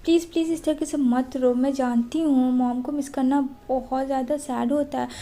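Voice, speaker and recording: A woman voicing a kind young female reporter in a drama recap, speaking softly and pleadingly. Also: high-pitched, fairly even intonation, moderate pace. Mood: soothing.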